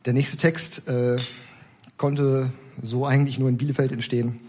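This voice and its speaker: A man's voice: medium pitch, flat delivery, moderate pace, mellow. A man gives a comic stage reading of his own stories in a mid-range voice. He narrates in the first person with dry understatement. A faint noise sits under the recording.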